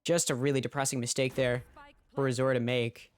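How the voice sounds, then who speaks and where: A man's voice: mid-range voice, flat delivery, a little fast, smooth. A man streaming a watch party, giving casual play-by-play commentary on an esports match and talking straight to his chat.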